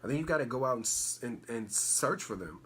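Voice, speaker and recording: A man from Los Angeles co-hosting a podcast, giving advice in a relaxed, casual way full of fillers. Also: medium pitch, brisk, slightly rough. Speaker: podcast co-host. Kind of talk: casual chat.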